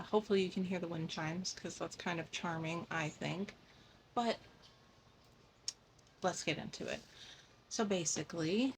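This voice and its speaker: Chatty young woman, quiet morning vlog. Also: lowish voice, creaky, slight background noise. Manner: blunt, chatty, swears casually, sometimes whispers. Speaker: vlogger. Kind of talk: casual vlog talk. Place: indoors at home early morning, birds and wind chimes outside.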